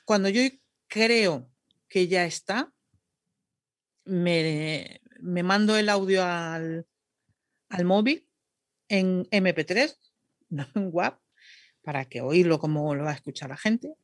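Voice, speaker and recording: Taking it slowly with long pauses, this woman speaks in a lowish voice, captured in clean studio sound with no room sound. She's a radio announcer and podcaster, chatting and laughing at herself as a guest in a casual interview.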